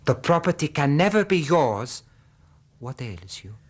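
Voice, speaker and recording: In a radio drama, a man with a slightly high voice, big pitch swings and an unhurried pace plays a fussy, earnest middle-aged Greek interpreter. He tells his story formally and precisely, in an earnest, animated mood, across narration and dialogue.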